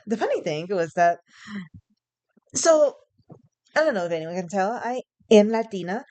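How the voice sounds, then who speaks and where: Her voice sits on the low side, darkish, clear, and resonant. She's a young adult vlogger from New York, spinning a casual, rambling story full of chuckles, fillers, and self-corrections.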